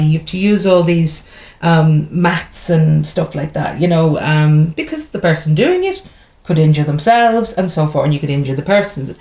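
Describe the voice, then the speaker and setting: An Irish comedian, a woman with a low, slightly mellow voice, talks frankly and chattily as a guest in a casual interview, tossing in laughing asides. The room she's recorded in is echoey.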